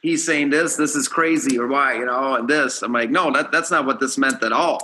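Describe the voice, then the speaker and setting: A bright, forceful-toned man from Austria whose first language is German. He is a former hockey player talking casually as a podcast guest, thinking aloud and circling back on his words. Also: medium pitch, moderate pace, a little hiss or hum. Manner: loose, repeats and restarts words while thinking aloud. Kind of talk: casual chat.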